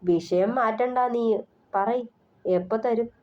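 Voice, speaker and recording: A woman's voice: a little high, slow, muffled recording. A woman voicing a drunk, pushy young man with slurred speech in a storybook reading. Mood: teasing.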